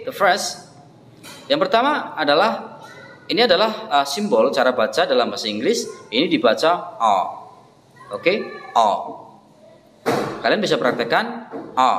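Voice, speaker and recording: A man teaching English pronunciation, repeating each example word slowly and deliberately. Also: a little high, a bit bright, a little hiss or hum. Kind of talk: pronunciation lesson. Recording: echoey room with faint ambience.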